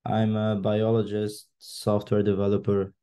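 Low, flat-voiced man from Lebanon. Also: unhurried, clear, resonant tone. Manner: hesitant, many fillers. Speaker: election candidate. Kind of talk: online meeting statement. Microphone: video call.

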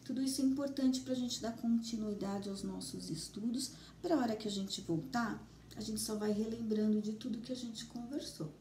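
A woman teacher with a Brazilian Portuguese accent giving a remote lesson to children, gentle and encouraging, speaking slowly and clearly. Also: fairly high pitch, steady tone. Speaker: primary school teacher. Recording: roomy, distant mic with faint ambient noise.

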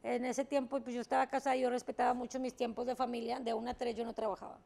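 A woman's voice: a little high, little pitch movement, very fast, gravelly, a little mellow. A woman telling stories as a talk show guest, blunt and emphatic, swearing casually as she talks. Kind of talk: candid interview storytelling.

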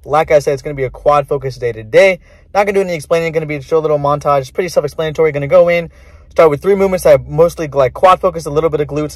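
A man in his twenties chatting casually to camera as a fitness vlogger, laid-back and saying bro and man a lot. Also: on the high side. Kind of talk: casual vlog talk to camera. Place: home kitchen, indoors.

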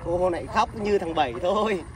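A cruel, arrogant skeleton voiced by a man for a fan audio drama. He sneers and taunts in a fairly high voice, boastful and mocking about money. The recording is homemade and carries clear background noise. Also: brisk, distant mic, natural voice. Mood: sneering. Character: arrogant rich male skeleton, cruel ex-lover.

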